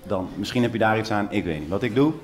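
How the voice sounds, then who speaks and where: A man from Brabant performing stand-up comedy on stage, rambling in a deadpan, mock-earnest way. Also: fairly low pitch, fast talker, slight background noise. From Brabant, Netherlands. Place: theater stage. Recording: roomy theater stage.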